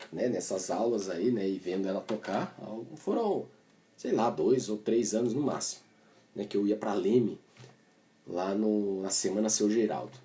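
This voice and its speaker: A man's voice: mid-range voice, warm tone, a little hiss or hum. A Brazilian man teaching cavaquinho in a casual, chatty way, explaining as he plays and tagging his sentences with little fillers. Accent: Brazilian Portuguese. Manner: chatty, explains while playing, many filler tags. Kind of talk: casual music lesson. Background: cavaquinho playing.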